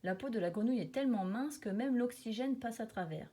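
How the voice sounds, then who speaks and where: Une femme lit un livre documentaire sur la nature pour enfants, comme une conteuse expressive qui souligne certains mots avec emphase. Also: female voice, on the high side, fairly quick. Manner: storytelling, dramatic emphasis on repeated words and sound words. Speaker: reader of a children's nature book. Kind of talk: expressive nature documentary narration, read aloud for children.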